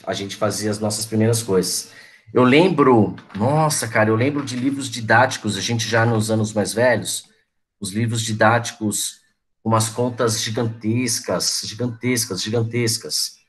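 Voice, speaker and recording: Chatty teacher in his forties, low voice. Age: 40s. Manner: chatty, reminiscing, addresses students by name. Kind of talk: online class talk.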